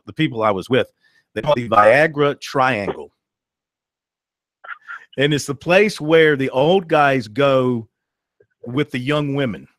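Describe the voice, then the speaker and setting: A man's voice: mid-range voice, fairly bright tone, dry recording, clean studio sound. A man in his thirties hosting a sports talk show, emphatic and ranting, laughing easily. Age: 30s. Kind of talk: opinionated sports talk radio.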